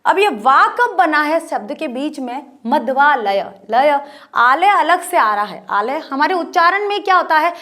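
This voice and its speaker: A woman's voice: high-pitched, expressive, measured pace, pushed and bright. A woman teacher explaining a grammar lesson step by step, often repeating points as rhetorical questions. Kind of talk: Hindi grammar lesson at a board.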